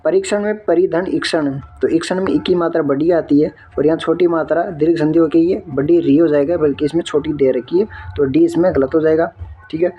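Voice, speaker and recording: A man's voice: on the high side, fairly even intonation, a little fast, dark tone, muffled recording, soft background music. A man working through an exam answer key step by step, often checking in with his viewers. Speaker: exam tutor.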